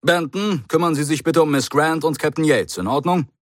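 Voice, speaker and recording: A man's voice: on the high side, normal speed, no room sound, studio quality, voice pushed up, lightly acted. A man voicing a stiff, dutiful middle-aged military brigadier who speaks in a clipped, formal, commanding way.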